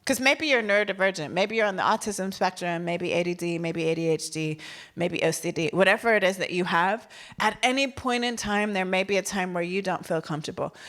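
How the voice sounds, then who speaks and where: A woman's voice: lowish voice, fairly quick. A woman who once taught school gives a keynote talk, telling stories with playful asides. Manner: storytelling, animated, playful asides. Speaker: keynote speaker and former teacher.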